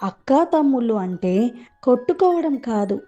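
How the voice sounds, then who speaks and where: A woman reading a scripted family story in a gentle, earnest narration. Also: a little high, big pitch swings, moderate pace. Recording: dull lo-fi with background music.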